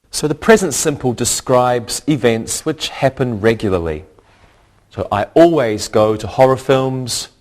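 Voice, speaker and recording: A man teaching a scripted English lesson, speaking deliberately and repeating each word for learners. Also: medium pitch, a little mellow.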